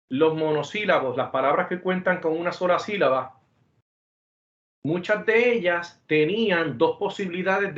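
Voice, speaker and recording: A man teaching a math class online, explaining slowly and deliberately, repeating examples and correcting himself as he goes. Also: on the high side, a bit bright. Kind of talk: virtual classroom lecture. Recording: roomy, dull lo-fi sound.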